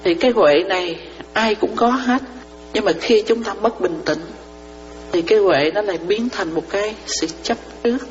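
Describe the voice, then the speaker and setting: A woman's voice: medium pitch, normal speed. A woman, a Buddhist nun, giving a dharma talk to lay followers. She explains through parables and often asks whether her listeners understand. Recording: reverberant hall, dull lo-fi sound, faint mains hum.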